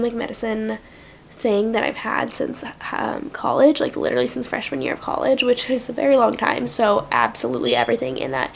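A sick young woman vlogging in a low, careful voice, her throat sore and her nose stuffed up. Her tone sits a little high with a gravelly fry underneath, and a faint hum of background ambience runs behind her. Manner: speaks quietly to spare her throat. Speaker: lifestyle vlogger. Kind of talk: casual vlog talk to camera. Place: apartment in New York, then out around the city.

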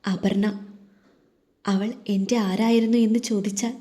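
A woman voicing a remorseful young man who quietly confesses his guilt to his lover. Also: mid-range voice, steady tone, unhurried, close to an everyday voice. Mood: devoted.

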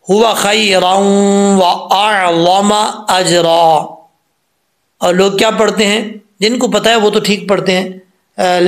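A man with a fairly high voice teaches correct recitation at an unhurried pace. He explains each point patiently and reads the verses slowly, close to the mic. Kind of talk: tajweed lesson with slow chanted recitation.

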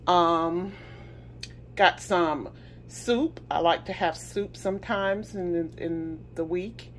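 A woman's voice: lowish voice, slow, a little hiss or hum. A middle-aged woman chatting casually through a grocery haul in her home kitchen, rambling with lots of ums and restarts. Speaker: vlogger.

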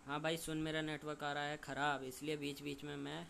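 A young man streaming a game and chatting loudly with friends on a call, joking and complaining as he plays. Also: fairly high pitch, monotone, fairly quick, gravelly, slight background noise. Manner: loud, joking banter with friends. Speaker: gaming streamer.

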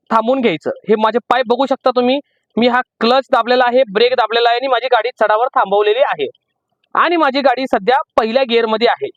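A man with a Marathi accent teaching driving from inside a parked car, explaining slowly and repeating each step. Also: very high voice, no room sound, lo-fi sound. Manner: repetitive, slow emphatic teaching. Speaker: driving instructor. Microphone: camera in the car.

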